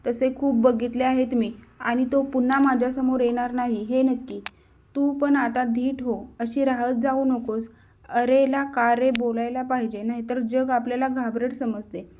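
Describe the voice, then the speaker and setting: Brash, teasing older sister for a story reading, voiced by a woman narrator, high and flat delivery. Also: moderate pace, lightly acted. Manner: brash and playful. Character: bold, teasing young woman, protective elder sister.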